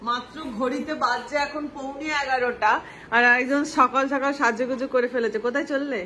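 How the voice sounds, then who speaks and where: A chatty, teasing woman with a high voice talks her viewers through her morning in a home kitchen. A faint hum of background noise sits under her. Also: steady tone, a little fast, sharp tone. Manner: chatty, teasing, sing-song when talking to her pet. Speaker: vlogger. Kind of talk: casual chat.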